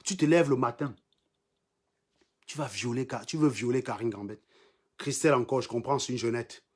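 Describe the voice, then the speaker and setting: A man's voice: medium pitch, moderate pace, slightly rough. A man with a Cameroonian French accent hosting a livestream, mocking and insulting his commenters in a combative rant, repeating lines for emphasis. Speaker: livestream host. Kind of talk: insulting live-stream rant.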